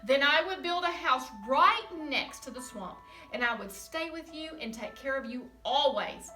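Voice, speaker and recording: A woman voicing a loving, patient storybook mother who answers calmly and reassuringly. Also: high voice, unhurried, echoey room, far from the mic, soft background music, pitched above the performer's own voice, exaggerated voice. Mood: loving, soothing. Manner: warm and reassuring.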